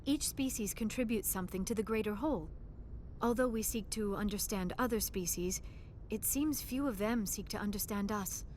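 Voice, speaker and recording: An actress gives a lightly acted performance as a young alien woman scientist, an archaeologist on a video game crew, speaking calmly to explain something. Her medium-pitched, darkish voice moves at normal speed with a little hiss or hum behind it, and her shy, earnest delivery uses formal, precise diction.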